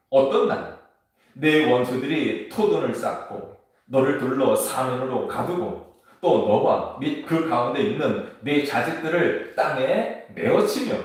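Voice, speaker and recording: A man, a pastor, preaching a measured sermon with scripture readings. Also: mid-range voice. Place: church sanctuary. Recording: echoey church hall, voice from far off.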